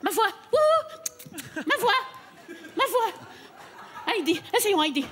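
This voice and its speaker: A woman's voice: very high-pitched, big pitch swings, slow pace, a bit bright, a faint crowd, heavily acted. A woman playing a tired, flustered female opera diva who stammers and breaks into song in a stage sketch.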